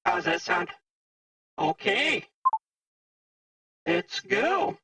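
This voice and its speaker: A man's voice: very high-pitched, level tone, drawn-out words, vocal fry, pushed and bright, recorded from a distance, faint music behind, voice pushed up, heavily acted. A man live-streaming in VR, talking through a synth robot voice changer, chatting casually with viewers while juggling his setup.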